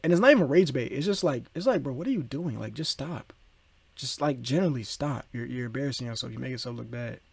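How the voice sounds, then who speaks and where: A man's voice: medium pitch, a little fast, gravelly, darkish tone, breathy edge, no room sound. A man streaming live, reacting to a video in loose, slangy casual chat, repeating himself and talking over it. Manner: talks over the video, slangy, repeats "bro", keeps apologizing for laughing.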